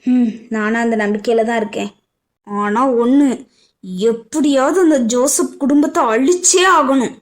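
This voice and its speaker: A woman's voice: fairly high pitch, steady tone, unhurried, close to an everyday voice. A woman voicing a cunning, scheming middle-aged woman plotting against enemies in a cartoon. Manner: scolding, cunning.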